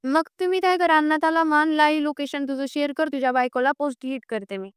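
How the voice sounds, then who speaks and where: On a recorded phone call, a young woman talks fast in a high-pitched, fairly even voice while airing a personal grievance. She is insistent, aggrieved and pleading, repeating herself in this emotional private conversation, and the clean studio sound has no room sound.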